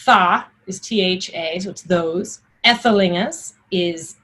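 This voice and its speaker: Woman teaching old english, kinda husky, takes it slow, says the old words then explains them casually. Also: fairly low pitch, a bit bright. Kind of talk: Old English pronunciation lesson, reciting lines and glossing them.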